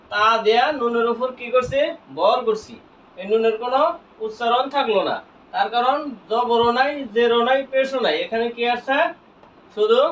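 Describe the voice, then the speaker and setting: A man teaching Quran reading, who asks each point as a question, answers it himself, and spells out letters slowly. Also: extremely high pitch, a little hiss or hum. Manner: slow, drawn-out spelling of letters. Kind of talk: classroom lesson with call-and-response questions. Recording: echoey, distant, dull lo-fi room sound.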